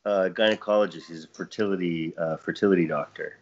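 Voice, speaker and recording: Very deep-voiced man, rambling storyteller. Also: fairly even intonation, a little fast. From Chile. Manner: rambling, self-interrupting storyteller. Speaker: podcast guest. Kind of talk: casual podcast conversation. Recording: dull lo-fi audio.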